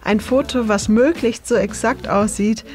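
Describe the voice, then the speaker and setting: A woman's voice: on the high side, unhurried, darkish tone. A woman in her late twenties chatting casually in a documentary interview, with many fillers and frequent laughs. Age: 20s. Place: cinema auditorium.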